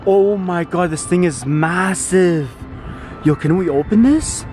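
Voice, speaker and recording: High-voiced excitable young male vlogger over music. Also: takes it slowly. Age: young adult. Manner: excitable, slangy, repeats catchphrases. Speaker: vlog host. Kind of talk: casual hyped vlog talk to camera. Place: inside a car at night and outdoors by it. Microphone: handheld camera at arm's length. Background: background music.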